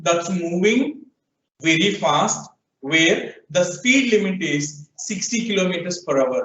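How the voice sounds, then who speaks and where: High-voiced Telugu-accented male teacher, quizzing students in class, echoey room, mic set far off. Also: expressive, drawn-out words, fairly bright tone. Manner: questioning students, prompting answers. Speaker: programming teacher. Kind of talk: classroom lecture mixing Telugu and English. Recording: echoey room, distant, dull lo-fi sound.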